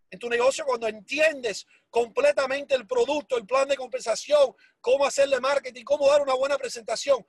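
With an extremely high pitch and no room sound, a man gives a motivational speech to a sales business. It is emotional and emphatic, with words repeated for force and English phrases dropped in.

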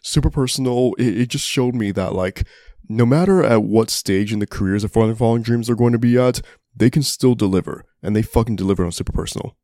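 A young man hosting a music podcast, counting down songs in an enthusiastic, profane, casual way, his voice a bit hoarse. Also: mid-range voice, brisk, dark tone, no room sound, studio quality. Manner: enthusiastic, profane, conversational with fillers. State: voice getting hoarse. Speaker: podcast host.

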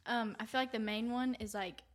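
A woman's voice: on the high side, steady tone, a little fast. Young woman listing points, hesitant. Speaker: podcast co-host.

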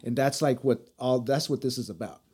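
Relaxed guy with an average-pitch voice chatting supportively, keeps checking you agree. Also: brisk, breathy edge. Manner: affirming, often checks in with "right?". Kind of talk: casual supportive conversation.

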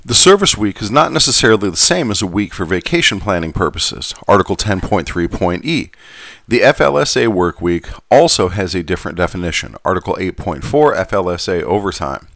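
A man voicing a genteel Southern gentleman who reads aloud in a measured, formal manner with a Southern US accent. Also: low voice, expressive, no echo. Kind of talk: scripted reading.

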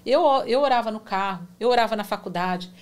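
A woman in her forties shares her faith testimony as a guest on a podcast, emotionally recounting her prayers and acting them out in animated storytelling. Her voice is medium-pitched and her pace a little fast.

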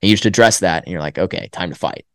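Young man, lively storyteller, dry mic. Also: low voice, racing, creaky, dry recording. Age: young adult. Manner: animated storytelling with acted self-talk. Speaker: guest, college track runner. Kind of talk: casual podcast interview. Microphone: podcast microphone.

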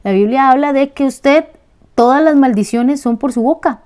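Brief: Costa Rican woman host, outspoken and lively, voice on the higher side. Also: normal speed. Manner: blunt, animated and colloquial. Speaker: spiritual talk host. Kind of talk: casual spiritual teaching talk.

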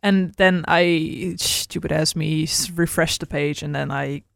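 A woman's voice: deep voice, a little slow, vocal fry, dry recording. A woman hosting a casual podcast chat, recorded close in a dry, deadened room. She tells stories with animation, acting out quotes as she goes. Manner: animated storytelling, acts out quotes with laughs. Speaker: podcast host. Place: studio.

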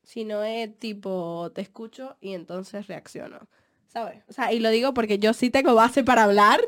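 A young woman, co-hosting a podcast in casual, animated chat. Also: fairly high pitch, moderate pace. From Latin America. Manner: animated, talks over others, many fillers. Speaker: podcast co-host.

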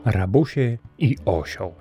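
A man narrating a fairy tale for a podcast in a calm, measured storytelling manner. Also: on the low side. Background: soft music.

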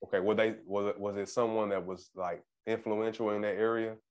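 A man interviewing a guest in a relaxed, casual way, often affirming and repeating himself. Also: lowish voice, brisk, highs cut off. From Arkansas, US.

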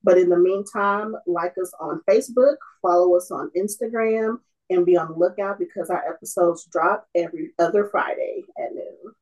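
A woman's voice: fairly low pitch, normal speed, darkish tone, poor audio. Laid-back woman hosting a podcast. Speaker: podcast host. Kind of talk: casual podcast chat.

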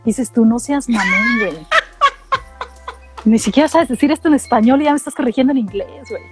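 A middle-aged woman from Mexico with a Mexican accent, telling animated, slangy stories in casual chat and acting out what people said. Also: high-pitched, normal speed, faint music behind. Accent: Mexican Spanish. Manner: animated storytelling, slangy, acts out quotes.

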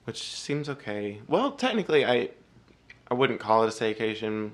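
A man chatting casually on a podcast as a guest, hesitant and full of fillers, joking with a deadpan delivery. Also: medium pitch, moderate pace.

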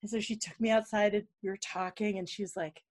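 A woman, a podcast guest telling stories in a casual interview, animated and quick to laugh. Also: mid-range voice. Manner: animated, laughs often, acts out quotes.

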